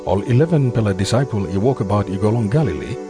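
A man with a lowish voice and a Papua New Guinean accent narrates scripture in Papua New Guinea pidgin. It is a scripted Bible reading, with music clearly playing behind him. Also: lively intonation, fast.

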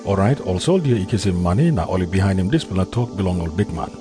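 A man's voice: low voice, animated, quick pace. A Papua New Guinean man narrating scripture in Papua New Guinea pidgin, as a scripted dramatized Bible reading. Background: music behind the voice.

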